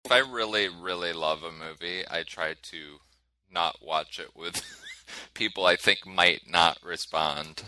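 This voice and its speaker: A man's voice: sits low, a little slow, no room sound, rough recording. A man hosting a film podcast, telling stories casually and laughing often. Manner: laughs often, animated storyteller. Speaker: podcast host. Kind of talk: casual chat.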